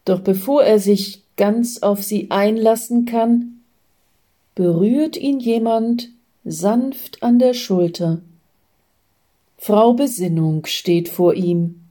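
A woman storyteller reading a faith story aloud at an unhurried pace. Her voice is soft and mellow, and her reading stays calm and measured. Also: mid-range voice.

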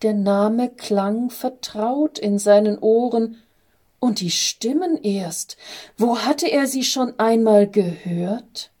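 Slow, mellow woman reading a story. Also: on the high side. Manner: calm, measured reading. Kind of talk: reading a Christmas story aloud.

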